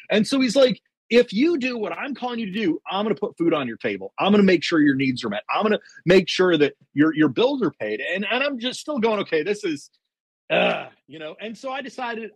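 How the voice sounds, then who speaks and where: A man's voice: high voice, husky, dry recording. A middle-aged man, a podcast guest, telling a faith testimony with earnest storytelling, often quoting himself. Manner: many fillers and restarts, excited.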